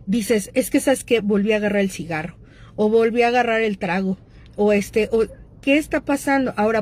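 Her pitch sits in the middle and has a slightly mellow quality. This middle-aged Mexican-accented host chats informally about addictions, addressing the audience directly and using lots of fillers.

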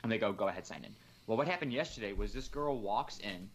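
A man's voice: on the low side, fast. A man co-hosting a podcast in casual chat, telling a work story with acted-out quotes and plenty of swearing. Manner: animated storyteller who swears freely and acts out quotes. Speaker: podcast co-host.

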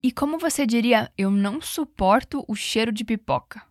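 Higher-pitched woman, slow drilled English. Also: animated, dry recording, studio quality. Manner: slow, drawn-out English model phrases; encouraging, repeats drills. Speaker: English teacher. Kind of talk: language lesson.

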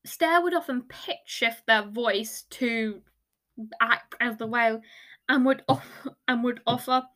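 A woman's voice: on the high side, fairly bright tone. A woman hosting a casual true-crime podcast. She rambles loosely, corrects herself often and swears freely. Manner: loose and rambling, swears freely, laughs at her own reactions. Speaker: podcast host.

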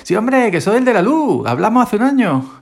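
A man's voice: high voice, sing-song, normal speed, gravelly, pitched above the performer's own voice, heavily acted. Man putting on a pushy Sevillian sales caller. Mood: pushy, wheedling. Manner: insistent, overly familiar. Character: pushy male electricity-company caller.

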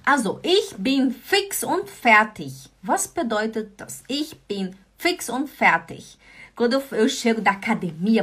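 A woman's voice: medium pitch, fairly bright tone. Chatty Brazilian woman teaching German. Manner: chatty, explains slowly with repeated examples and tag questions. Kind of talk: casual online German lesson. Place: lives in Switzerland.

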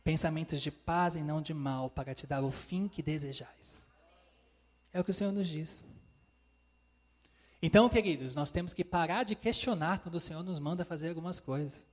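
A man's fairly high voice, at normal speed, carries an evangelist sermon in which he calls his hearers "queridos," meaning dear ones. He acts out quotations from God while long hall reverb lingers.

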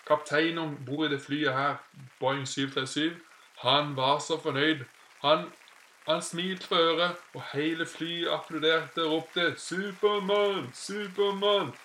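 A man's voice: a little high, flat delivery, sharp tone, slight background noise. A man telling a playful made-up story, rambling and correcting himself. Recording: roomy echo.

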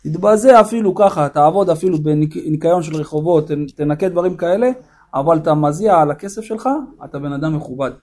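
A rabbi gives a sermon in a fairly high voice, telling stories with lively energy and pressing his listeners with rhetorical questions. He speaks with a sound. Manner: animated storytelling with rhetorical questions.

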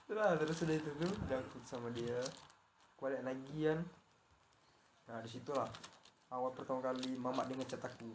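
A man's voice: mid-range voice, steady tone, fairly quick, long pauses, a little hiss or hum. A young man casually telling a personal story on a podcast, acting out the messages he quotes. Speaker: podcast guest.

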